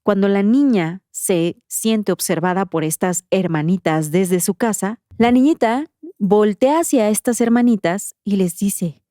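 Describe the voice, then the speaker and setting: Una presentadora de podcast con acento mexicano que narra de forma coloquial y expresiva, con voz de timbre apagado y cálido. La grabación es seca, de micrófono de estudio. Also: female voice, medium pitch, unhurried, no room sound, clean studio sound. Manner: slangy, animated retelling. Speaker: podcast host. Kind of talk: casual storytelling.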